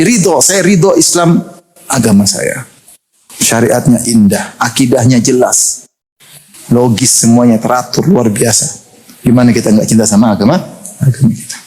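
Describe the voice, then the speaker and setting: A middle-aged man preaching a sermon to a lecture-hall audience, telling stories with jokes and laughter. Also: on the high side. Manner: lively storytelling with jokes and laughter.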